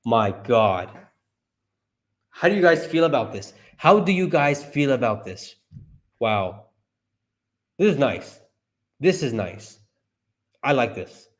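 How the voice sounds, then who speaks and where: Male streamer, excitable live reaction, mid pitch, thinks aloud. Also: slow pace, long pauses. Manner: excitable, talks to himself, bursts into high yelps. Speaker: stock market streamer.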